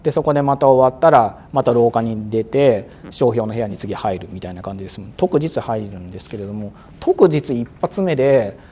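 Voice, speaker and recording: A male exam prep instructor giving a lecture, speaking crisply and a bit loudly on purpose, with frequent fillers, sometimes acting out examiners. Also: medium pitch, lively intonation, brisk, hardly any pauses. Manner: acts out examiners and exam-day self-talk.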